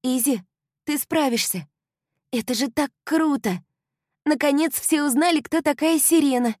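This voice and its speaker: A loud, excitable young woman, as a female reader puts her on, her voice jumping far above the narrator's. She exclaims breathlessly, close and dry, with no room around her. Think storybook best friend, all gush and insistence. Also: sits high, a little slow, no room sound, pitched above the performer's own voice. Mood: excited. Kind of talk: audiobook character voice.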